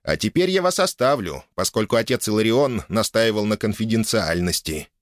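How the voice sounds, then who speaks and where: Audiobook figure: weary, formal cleric, slow grudging delivery, read by a man. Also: fairly low pitch, very animated, no room sound, studio quality. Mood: stiff. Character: weary male church official, stiff and formal.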